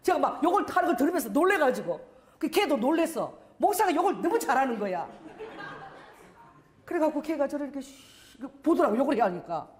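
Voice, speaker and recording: Animated woman pastor preaching. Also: high-pitched, brisk, reverberant. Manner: animated, dramatic storyteller who acts out scenes. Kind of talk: sermon with storytelling.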